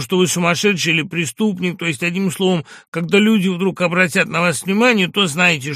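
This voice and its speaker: A nervous, despairing doctor, voiced by a male audiobook reader, bitter and at the end of his tether. The voice runs slightly high and is recorded dry and close. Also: dry recording. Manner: shouting in rage, then weary and resigned. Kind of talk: audiobook character reading.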